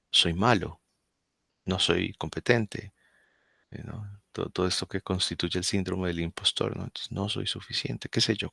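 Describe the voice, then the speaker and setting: A man's voice: sits low, creaky, a bit bright, no room sound, studio quality. A man presenting a topic to a study group, explaining step by step while thinking aloud and often checking in with the listeners. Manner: thinking aloud with fillers and restarts, asks "¿no?". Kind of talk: explanatory lecture.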